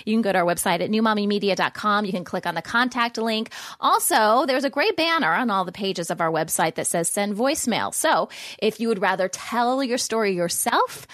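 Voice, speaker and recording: A woman's voice: mid-range voice, lively intonation, fairly quick, fairly bright tone, no room sound, studio quality. A woman co-hosting a podcast in casual chat, chatty and often laughing. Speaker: podcast co-host.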